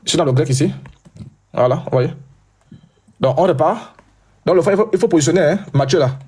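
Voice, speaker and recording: Brief: husky, fairly high male voice, loud insistent live debater who repeats points. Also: fairly quick. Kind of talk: heated live religious debate.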